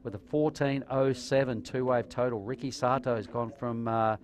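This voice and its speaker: A man's voice: medium pitch, steady tone, moderate pace. A man commentating live on a surf contest in a laid-back surfer announcer manner with colloquial slang.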